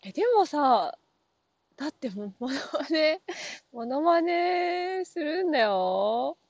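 High-voiced woman rambling into her phone. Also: animated, takes it slowly, a little mellow, dry recording, lo-fi sound. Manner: rambling, full of fillers and self-questions. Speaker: app talk show host. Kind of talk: casual solo monologue.

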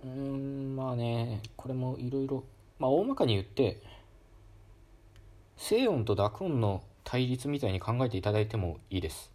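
A man giving a calm, casual educational talk on pronunciation, demonstrating sounds aloud with frequent fillers. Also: medium pitch, moderate pace. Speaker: solo talk host explaining linguistics.

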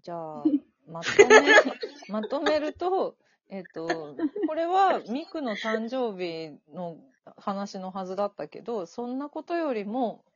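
A woman's voice: fairly high pitch, sing-song, a little slow, no echo. A woman co-hosting a podcast in casual chat, teasing her friend and telling stories. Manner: teasing, storytelling. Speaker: podcast co-host. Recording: dry, dull lo-fi audio.

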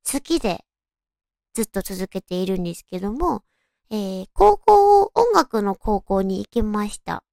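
Here the host of a solo audio show, a young woman with a distinctive, cute anime-style voice, gives a casual talk and introduces herself in a friendly, polite manner. Her mid-range voice is creaky, captured in a dry recording with clean studio sound.

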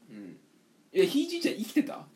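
Young man, casual podcast chat, fast talker, very lively pitch, acts out quotes. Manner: animated storytelling, acts out quotes. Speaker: podcast co-host.

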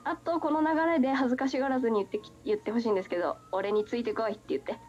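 Playful, giggly woman host with a lively, fairly high voice, dull lo-fi sound, faint music behind. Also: rapid-fire. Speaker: podcast host. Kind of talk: casual chat.

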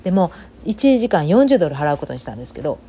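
A woman's voice: lowish voice, sing-song, fast talker, warm tone, husky. A woman with a Kansai accent, hosting a casual solo talk segment, rambling and giving her opinions freely with many fillers. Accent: Kansai Japanese.

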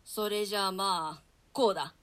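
Reading Shakespeare theatrically in an archaic Japanese translation, a woman takes on the part of a grown male nobleman, a scheming, commanding conspirator. Her natural voice sits in the mid range at a moderate pace.

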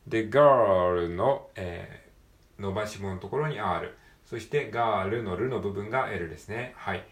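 Japanese male, lowish voice, patient solo pronunciation tutor, polite and filler-heavy, repeats each word slowly many times. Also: roomy sound. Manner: slow, careful, repeats words many times to drill sounds; polite and explanatory, frequent "えー" fillers. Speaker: English pronunciation practice podcaster. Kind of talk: solo study podcast, reading aloud and explaining.

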